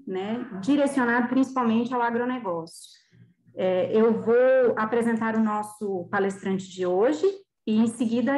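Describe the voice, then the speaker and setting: Brazilian lady hosting a webinar, slightly high voice, roomy echo on the call, formal intro. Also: a little mellow. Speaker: event host. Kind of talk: formal spoken introduction of a speaker. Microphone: video call. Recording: roomy, echoey video call.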